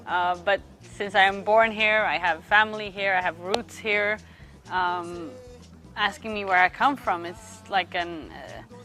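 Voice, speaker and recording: A young woman from Sweden, a youth worker giving reflective interview answers, pausing often to find her words. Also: medium pitch, fairly even intonation, sharp tone, faint music behind. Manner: thoughtful, pauses often to search for words.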